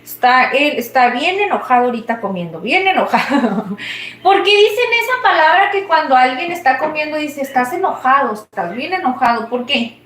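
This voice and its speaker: A woman's voice: high-pitched, sing-song, moderate pace, a bit bright, roomy sound. A woman with a Mexican accent chatting casually and rambling while she cooks, often laughing. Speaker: cooking vlogger. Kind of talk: casual chat while cooking.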